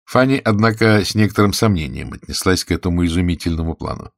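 A man narrating a story aloud in a measured storytelling manner. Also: sits low, animated, vocal fry, dry recording, clean studio sound. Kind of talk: audiobook narration.

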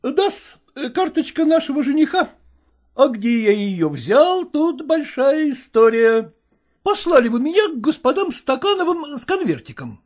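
A woman's voice: high-pitched, big pitch swings, unhurried, a little mellow. A woman reading a storybook, voicing a sly, servile male lackey who gossips and fawns. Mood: fawning. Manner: fawning, gossiping.

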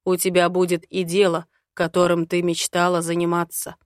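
A woman voicing a grave, forceful man. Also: fairly low pitch, monotone, normal speed, dry recording, clean studio sound, natural voice. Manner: firm, forceful, vowing. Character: stern, powerful man, grave and protective. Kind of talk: audiobook reading.

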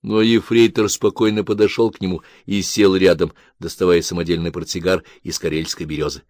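A man reading a story aloud in a measured, even narrating style. His voice sits very low. The recording is close and dry, with no room sound. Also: dry recording. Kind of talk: audiobook narration.

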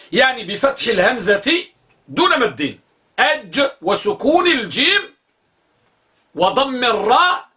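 A man teaching a grammar class with a high, bright voice. He explains at length and repeats words slowly to spell out each vowel. He pauses to put questions to his listeners. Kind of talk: classroom lecture on pronunciation.

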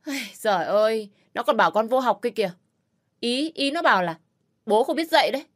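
A woman's voice: on the high side, animated, fairly quick, close to an everyday voice. A woman voicing a quarrelsome sister-in-law who sneers and shrieks insults. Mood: spiteful.

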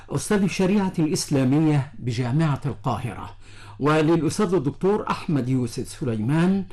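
A man's voice: a little high, mellow. A male radio host giving a formal, courteous closing announcement and thanking the guests.

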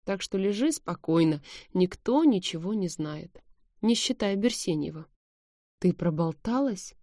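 A woman's voice: on the low side, lively intonation, measured pace, dark tone, dry recording. A woman voicing a blunt, sarcastic young woman, the heroine's sister, in a dry audiobook reading.

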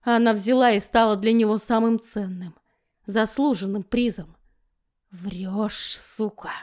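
A woman narrating an audiobook in an expressive, dramatic reading. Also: fairly high pitch, moderate pace.

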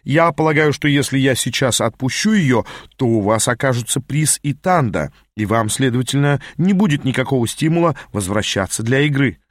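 A man's voice: medium pitch, expressive, moderate pace, hardly any pauses, dry recording, clean studio sound, close to an everyday voice. A man reading an audiobook, voicing a wily former male demon hunter who speaks smugly.

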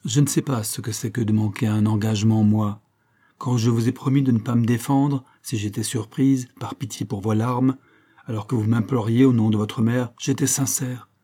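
A man's voice: medium pitch, steady tone, normal speed, warm tone, slightly rough, close to an everyday voice. A man voicing a proud, defiant young woman revolutionary who speaks with bitter contempt in an audiobook reading.

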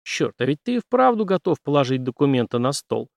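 A man reading an audiobook, voicing a gruff, weary aging male general who grumbles in a measured way. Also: medium pitch, sing-song, no echo.

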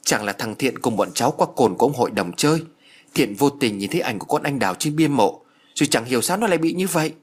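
A man's voice: medium pitch, lively intonation, fast talker, breathy edge. A man voicing a polite young man who cuts in to explain, in an audio story. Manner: polite, interjecting.

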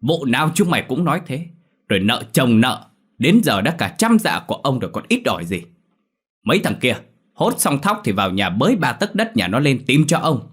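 A man voicing a cruel, rich old village landlord who shouts threats at his debtors. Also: lowish voice, expressive, a little fast. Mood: furious.

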